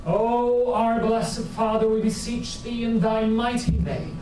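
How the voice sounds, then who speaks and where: Ein Prediger spielt einen hochtrabenden Beter mit singender, altertümelnder Sprechweise, weit vom Mikrofon in einem stark hallenden Kirchenraum. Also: male voice, very high voice, flat delivery, very echoey, recorded from a distance, noisy background. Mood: pompous. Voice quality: mock-archaic, sing-song, drawn-out. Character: pompous old-fashioned male pray-er.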